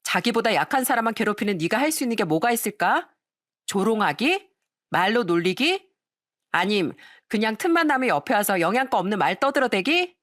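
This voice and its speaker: A woman voicing a calm, articulate teenage schoolgirl who talks softly and measuredly but with a firm, cutting edge, in a storytelling video. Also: fairly high pitch, brisk, no room sound, clean studio sound, voice pushed up, lightly acted. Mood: coolly scolding.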